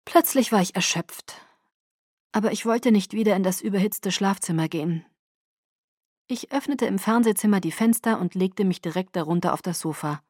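A woman narrating an audiobook in the first person with a calm, measured reading. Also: medium pitch, no room sound, studio quality.

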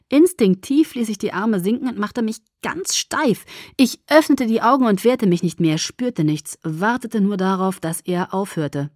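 Expressive woman reading a novel aloud. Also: mid-range voice, dry recording, clean studio sound. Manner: expressive, acts out emotion. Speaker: audiobook narrator. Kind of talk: first-person novel reading.

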